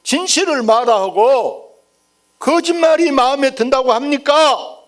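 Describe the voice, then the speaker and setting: A blunt court minister, put on by a preacher speaks up in a raised, earnest voice. He protests slowly and insistently before his ruler. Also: very high-pitched, voice pushed up. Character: blunt, truthful male royal minister.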